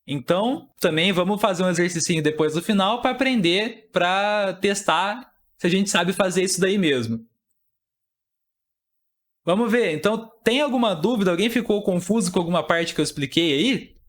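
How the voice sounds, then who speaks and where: A man's voice: high voice, expressive, moderate pace, a bit bright. A young man teaching an exam-prep chemistry lesson, explaining step by step and asking and answering his own questions.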